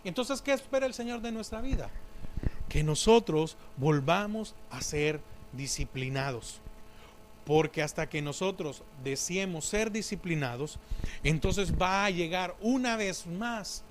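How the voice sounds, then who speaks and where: A man preaching a sermon in church, halting, with frequent fillers and restarts. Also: high voice, lively intonation, rough recording. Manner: slow, halting delivery with many fillers and restarts.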